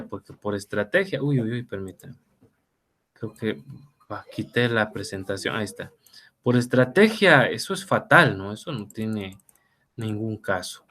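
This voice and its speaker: A man's voice: on the low side, a bit bright. A middle-aged man teaching an online law class, talking conversationally with fillers and tag questions. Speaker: law lecturer.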